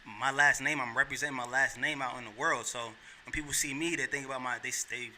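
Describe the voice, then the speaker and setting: A New Yorker in his thirties chats casually as a podcast guest, earnest, heartfelt and full of slang. His medium-pitched voice is pushed and bright, moving at a quick pace with fairly even intonation.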